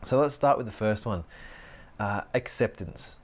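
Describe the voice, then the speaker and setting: Musing earnestly about personal growth, a middle-aged podcast host and life coach delivers a solo monologue full of restarts and slow stretches. His voice sits on the low side.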